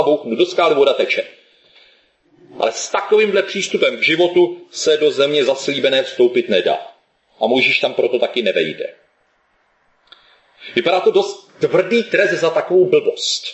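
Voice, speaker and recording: A male preacher giving a sermon in a lively, colloquial storytelling manner. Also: high voice, reverberant.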